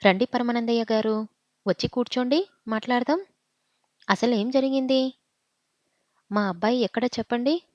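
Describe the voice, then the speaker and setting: A woman's voice: fairly high pitch, normal speed, pauses often, no echo, lightly acted. A woman voicing a firm middle-aged police inspector asking questions, in a dull, dry recording.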